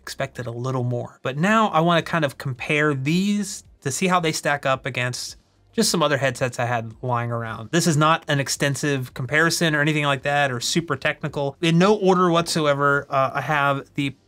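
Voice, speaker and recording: A man's voice: a little high, moderate pace, fairly bright tone. A man reviewing tech gear in an informal, conversational way, casually comparing products.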